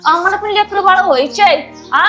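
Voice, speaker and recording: A woman's voice: very high-pitched, fairly quick, fairly bright tone. A woman acting a harsh aunt who scolds and taunts, with faint music behind. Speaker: actor playing a cruel aunt-in-law. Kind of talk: amateur family drama acting.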